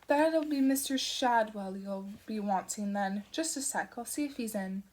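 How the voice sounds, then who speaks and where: A woman's voice: mid-range voice, a little slow, darkish tone, lightly acted. A woman voicing a chatty, brassy middle-aged fortune-teller who calls everyone love.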